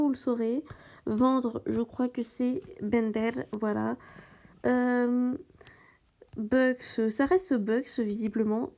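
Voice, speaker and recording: Her voice slightly high and mellow, a French-speaking woman offers casual gameplay commentary on her gaming channel. She keeps hesitating, restarting and filling pauses as she plays.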